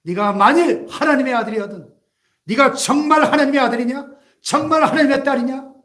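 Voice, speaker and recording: A man's voice: extremely high pitch, brisk, fairly bright tone, pitched above the performer's own voice. A man voicing a sly male devil who taunts and accuses with scornful questions, in an echoey church hall. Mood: taunting.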